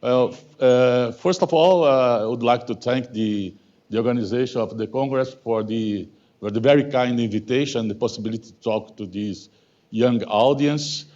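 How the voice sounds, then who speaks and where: In a muffled recording from a lecture hall, a Brazilian guest lecturer in his fifties gives a hesitant academic talk, correcting himself often and tacking on "okay?". He speaks with a Brazilian Portuguese accent, Portuguese being his first language, in a mid-range voice with a darkish tone.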